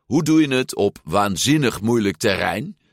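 A man's voice: lowish voice, animated, moderate pace, vocal fry, no echo, clean studio sound. A man voicing a bossy, impatient young girl who scolds and drops in Italian words.

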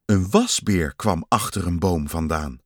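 A man reading a children's story aloud in a slow, expressive storytelling manner. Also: deep voice, no echo, studio quality.

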